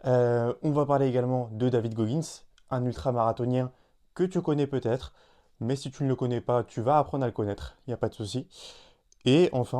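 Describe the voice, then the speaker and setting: Hesitant man, dark voice. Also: medium pitch. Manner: hesitant, many fillers and restarts; addresses listener informally. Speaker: podcast host. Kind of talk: solo podcast talk.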